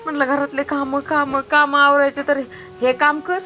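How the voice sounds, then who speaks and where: A woman's voice: high-pitched, level tone, normal speed, muffled recording, lightly acted. A young woman playing an exhausted, tearful mother overwhelmed by her baby in a comic family sketch. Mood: complaining. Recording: loud background music.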